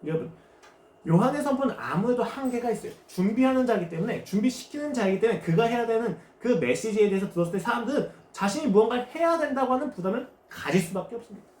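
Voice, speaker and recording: Male pastor, animated sermon delivery, rhetorical questions, roomy church sound. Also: very high voice, fast talker. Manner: lively preaching with rhetorical questions and acted quotes. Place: church sanctuary. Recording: echoey church room, faint noise.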